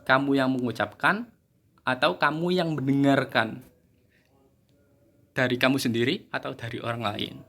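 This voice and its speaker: Male teacher, relaxed joking classroom delivery, mid pitch. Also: moderate pace, pauses often. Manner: chatty, joking, laughs at himself. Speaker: English teacher. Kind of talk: casual video lesson.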